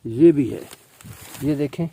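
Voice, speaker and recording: A man with a deep, dark and mellow voice walks through a casual gardening lesson. He explains patiently, with frequent fillers, while pointing at his plants. He moves nearer to and farther from the camera mic as he shows them. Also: a little hiss or hum. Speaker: home gardening presenter.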